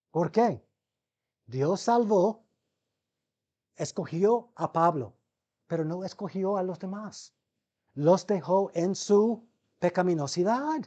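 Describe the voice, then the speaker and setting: Slow, mellow male seminary lecturer. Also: high-pitched, highs cut off. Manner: asks the class rhetorical questions; addresses listeners as brothers.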